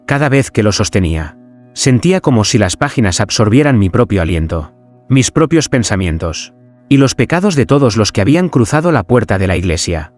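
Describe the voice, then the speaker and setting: Solemn male horror narrator with lively pitch. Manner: solemn, dramatic storytelling. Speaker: first-person narrator as a priest.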